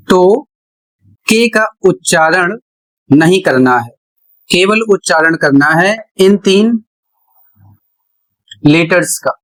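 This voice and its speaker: A man teaching a classroom lesson, explaining slowly and spelling words out letter by letter. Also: high voice, fairly bright tone, low-quality recording. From India. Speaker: English teacher.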